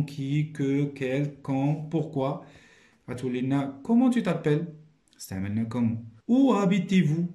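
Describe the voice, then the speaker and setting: A man's voice: medium pitch, dark tone. A man teaching a primary school French grammar lesson with a Moroccan accent. He explains each point in French, then repeats it in Moroccan Arabic.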